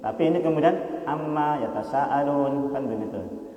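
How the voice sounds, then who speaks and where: A man teaching a Quran study lesson in a mosque, explaining patiently, often asking his listeners rhetorical questions and chanting verses slowly. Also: on the high side, mellow, lo-fi sound. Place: mosque hall. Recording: echoey hall reverb.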